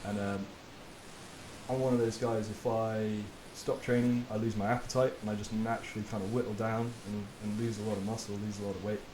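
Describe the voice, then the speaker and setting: Chatty man, lowish voice, hissy roomy line. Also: fairly quick. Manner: relaxed, chatty, swears and laughs easily. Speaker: podcast host and personal trainer. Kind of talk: casual chat. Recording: roomy with steady hiss.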